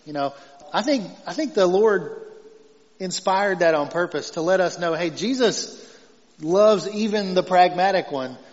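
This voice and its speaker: A man's voice: high voice, measured pace. Man preaching a sermon in a hall. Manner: conversational preaching, swings from emphatic to soft and tender. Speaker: pastor. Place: church sanctuary. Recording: dull sound in a reverberant hall.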